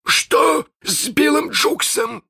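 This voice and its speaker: A man voicing a menacing pirate captain with an iron hook, by turns shouting and coaxing in a strained high voice. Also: sing-song, takes it slowly, exaggerated voice. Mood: thundering.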